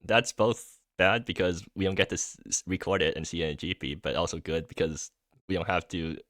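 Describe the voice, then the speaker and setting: Deep-voiced man hosting a casual stream. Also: steady tone, fairly bright tone, dry recording, clean studio sound. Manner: quick, eager talker. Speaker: stream host. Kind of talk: casual chat about a card game.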